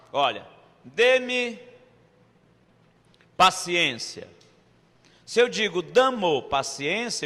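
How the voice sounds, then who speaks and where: Brazilian male teacher, bright high voice, slow and playful, reverberant room. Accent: Brazilian Portuguese. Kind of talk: online exam-prep grammar lesson.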